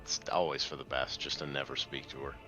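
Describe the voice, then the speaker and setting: A man's voice: very deep voice, level tone, a little fast, over music. A man chatting casually and reactively as he plays a co-op game with friends. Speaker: player in a co-op game session. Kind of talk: casual gaming chat with some read-aloud narration.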